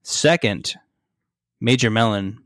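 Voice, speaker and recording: A man's voice: fairly low pitch, slow, fairly bright tone, no echo, studio quality. A man co-hosting a podcast in casual chat, enthusiastic and tripping over his words. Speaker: podcast co-host.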